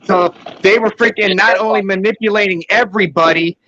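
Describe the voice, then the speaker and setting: A man from California's Bay Area, chatting casually, halting and repeating words, quick to laugh. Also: sits high, steady tone, pushed and bright, lo-fi sound, a little hiss or hum. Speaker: co-host. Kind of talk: casual chat.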